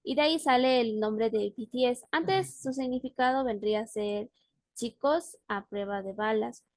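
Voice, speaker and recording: A woman's voice: a little high, normal speed, no room sound. A woman teaching a language class on a video call, explaining words patiently and often checking in with her student. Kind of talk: online class.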